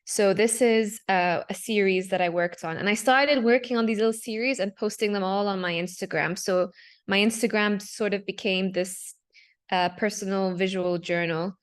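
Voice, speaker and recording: A woman's voice: medium pitch, steady tone, moderate pace, smooth. A young adult woman, a digital artist from Palestine who grew up in Dubai, casually presenting her artwork on a video call with fillers and self-corrections. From Palestinian, raised in Dubai. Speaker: panel speaker, digital artist.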